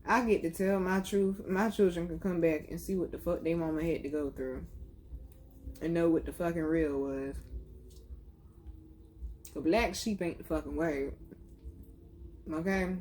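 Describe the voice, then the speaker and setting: A woman's voice: on the low side, normal speed, darkish tone, slight background noise. A young woman telling a blunt, profane story in a casual vlog. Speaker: vlogger.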